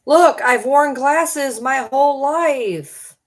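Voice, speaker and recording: A woman's voice: high voice, takes it slowly. A woman in her early forties chatting casually on a live stream, rambling and answering viewer comments. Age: 40s. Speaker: livestreamer.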